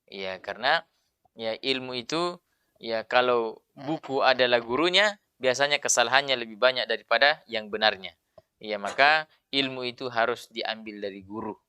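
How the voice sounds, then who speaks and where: Guy teaching tajwid, bright crisp voice, repeats the sounds over and over, dry close mic. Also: mid-range voice, moderate pace, dry recording. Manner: demonstrates letter sounds by repeated drills; patient, explanatory, many filler "ya". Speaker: Quran recitation teacher. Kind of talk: tajwid pronunciation lesson.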